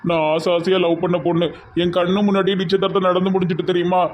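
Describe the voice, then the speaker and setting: A lovesick young village man, played by a man with a Tirunelveli Tamil accent pours out quick, high, flat-toned complaints. He pleads and wails through it like a comic skit character. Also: a little hiss or hum, natural voice. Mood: heartbroken.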